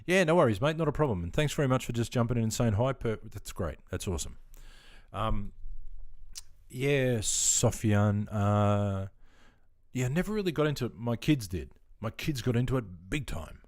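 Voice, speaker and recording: On a live stream, a middle-aged Australian man chats easygoingly, answering viewers, dropping plenty of ums, and calling everyone mate. His medium-pitched voice is expressive and a little mellow at a normal speed, recorded cleanly in a studio with no echo.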